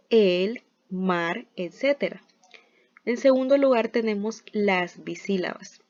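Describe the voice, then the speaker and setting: A woman teacher giving a scripted spelling lesson, explaining step by step with examples and often starting with "entonces". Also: a little high. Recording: dull lo-fi recording.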